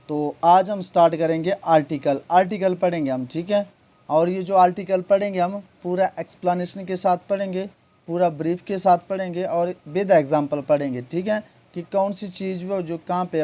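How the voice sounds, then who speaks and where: A man's voice: high-pitched, dark tone. A man teaching an English grammar lesson, explaining patiently and often checking in with his students. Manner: patient, repetitive, keeps asking "okay?".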